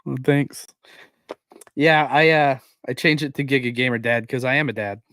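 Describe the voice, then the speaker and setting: A man's voice: mid-range voice, normal speed, fairly bright tone, no echo. A man co-hosting a casual streamed podcast chat, often repeating words as he starts a sentence. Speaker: podcast co-host.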